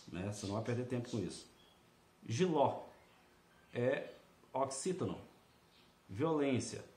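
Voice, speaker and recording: A male exam-prep tutor talks through practice questions in a relaxed, conversational way, often checking in with tag questions. His voice sits at a middle pitch, and the recording carries the noticeable echo of a bare room. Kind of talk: casual video lesson walking through a practice test. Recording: echoey room.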